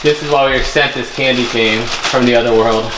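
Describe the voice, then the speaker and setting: A young man casually narrating a vlog as he digs through a storage unit, joking and thinking out loud. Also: mid-range voice, fairly even intonation, fairly quick, heavy background noise. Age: young adult. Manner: chatty, joking, thinking aloud while rummaging. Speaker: storage unit treasure hunter. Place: indoor metal storage unit.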